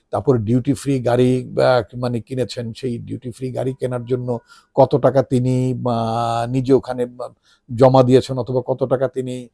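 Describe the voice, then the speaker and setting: Gravelly, husky Bangladeshi man in middle age, loose political commentary with rhetorical questions. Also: mid-range voice, dark tone, no echo, clean studio sound. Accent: Bangladeshi Bengali. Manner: conversational, many fillers, rhetorical questions.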